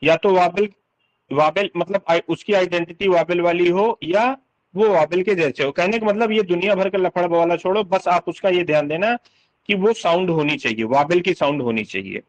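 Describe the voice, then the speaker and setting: Male literature tutor, fairly high voice, patient step-by-step explainer, radio-style sound. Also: normal speed, rough recording. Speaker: English literature teacher. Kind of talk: exam-prep lecture.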